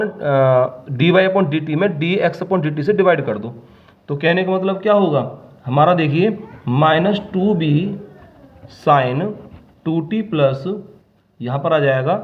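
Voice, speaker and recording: The recording is muffled, and the man's voice sits on the high side. As a maths teacher at the board, he dictates terms slowly through a problem, one step at a time, regularly checking that his students follow along.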